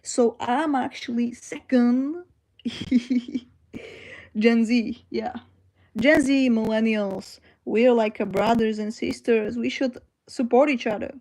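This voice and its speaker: Woman streamer, 20s, from Slovakia; slow, hesitant, mellow, higher-pitched casual chat. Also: fairly even intonation, rough recording. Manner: slow, hesitant, many fillers and restarts. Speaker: livestream host. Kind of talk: casual livestream chat reading comments.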